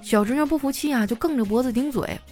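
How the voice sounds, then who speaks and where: A young woman comedian telling funny anecdotes in a chatty, animated stand-up style. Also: high voice, fast, soft background music. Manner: animated storytelling, chatty filler particles.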